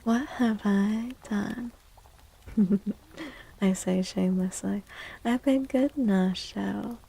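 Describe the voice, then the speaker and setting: Live streaming ASMR close to the mic, this soft-spoken woman talks slowly at medium pitch, greeting viewers gently and drifting into breathy whispers while repeating phrases often. The recording is low quality.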